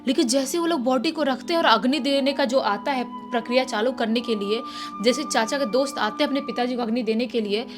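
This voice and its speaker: A woman tells a horror story in a casual, chatty way, circling back over her words as she goes. Her voice sits high, and soft music plays faintly underneath. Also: fairly quick. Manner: chatty, repetitive, animated retelling. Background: faint background music.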